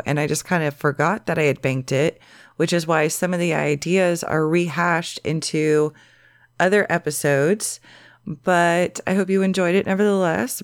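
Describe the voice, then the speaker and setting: A woman hosting her own podcast in casual solo chat, her voice a bit lower and rougher than usual because she is sick. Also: no room sound, studio quality. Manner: chatty, relaxed, talks straight to listeners. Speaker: podcast host.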